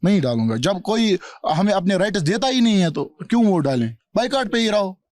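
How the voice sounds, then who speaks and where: A man's voice: high voice, sing-song, a little fast, a little mellow, no room sound, studio quality. A man from Kashmir answering a street interview bluntly and defiantly. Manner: blunt, defiant, repeats himself. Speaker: local resident.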